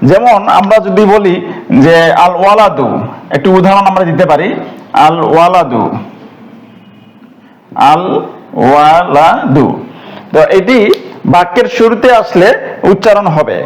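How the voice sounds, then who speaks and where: A man with a notably high voice teaches grammar in a recorded lesson. He goes slowly and patiently and repeats each term. He fills his pauses with soft hesitations. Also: poor audio. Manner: slow and patient, repeats terms, pauses with fillers. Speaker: teacher of Quranic Arabic grammar.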